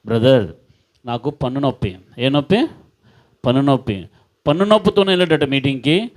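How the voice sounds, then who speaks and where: A male pastor preaching a sermon emphatically, repeating phrases and asking the congregation rhetorical questions. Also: fairly high pitch.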